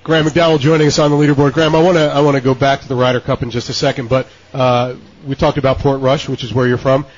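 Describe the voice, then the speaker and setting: A man co-hosting a radio show, speaking briskly like an announcer. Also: medium pitch, level tone. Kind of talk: casual radio chat. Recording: dull radio broadcast audio.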